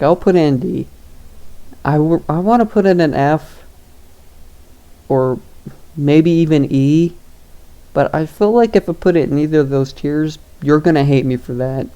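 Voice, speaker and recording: This young man's voice is mellow and on the high side. Ranking games as a YouTuber, he gives loose, rambling tier-list commentary, hesitant and packed with fillers and chuckles.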